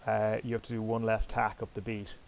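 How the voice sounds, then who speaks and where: Gravelly-voiced man commentating a sailing game. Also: lowish voice, completely flat delivery, brisk, slight background noise, poor audio. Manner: chatty, self-deprecating, talks to viewers. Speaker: host commentating online sailing races.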